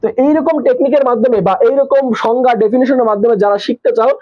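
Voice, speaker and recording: Male tutor, high voice, repeats and quizzes, muffled lo-fi audio. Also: fast talker. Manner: repetitive, asks questions and answers them himself. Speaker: teacher. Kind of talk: live online exam-prep class.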